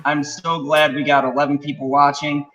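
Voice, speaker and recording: A man's voice: fairly high pitch, little pitch movement, normal speed, lo-fi sound. A man hosting a casual live reaction stream with sarcastic, sweary, teasing chat, sounding like he is in an empty warehouse. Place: echoey, empty-sounding room. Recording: echo like an empty warehouse, clear background noise.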